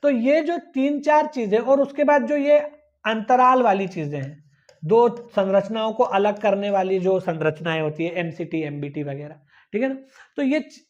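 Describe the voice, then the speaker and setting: A woman's voice: medium pitch, darkish tone. A woman teaching an exam-prep lecture, patiently repeating key points and checking in with her students. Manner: patient, repetitive, checks in with "ठीक है ना". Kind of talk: recorded lecture explaining a map. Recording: dull lo-fi recording.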